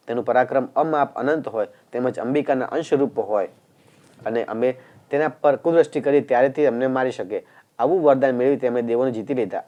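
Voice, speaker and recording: Guy reading old scripture stories, warm low-ish tone, steady and even. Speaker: narrator.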